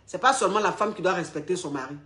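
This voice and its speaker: A woman's voice: lowish voice, animated, fast talker, fairly bright tone. A woman relationship coach giving marriage advice, emphatic and repeating each point twice, with pointed questions aimed straight at her listeners.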